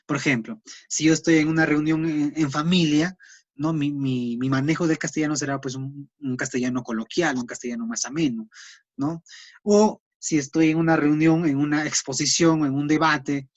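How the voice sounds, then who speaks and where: A man's voice: a little high, fairly even intonation, normal speed, no echo, muffled recording. Man explaining a class lesson. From Peru. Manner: explanatory, many fillers and tag questions. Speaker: teacher. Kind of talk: recorded class lecture.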